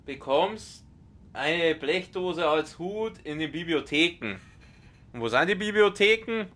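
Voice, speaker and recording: A young Bavarian man streams a game with a loud, strong voice that can sound like shouting even in normal talk. His pitch sits a little high and swings around a lot, with a bright, forceful edge. He is excitable and quick to swear at the game. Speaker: let's play streamer. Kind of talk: live game commentary.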